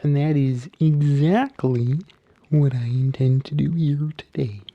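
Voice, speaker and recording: A man voicing an earnest, eccentric frog puppet in soft-spoken ASMR storytelling, with theatrical, halting pauses. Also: fairly high pitch, highs cut off. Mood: soothing, creepy. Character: Kermit-like male frog puppet, eccentric, earnest Bigfoot believer. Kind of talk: whispery ASMR storytelling and roleplay.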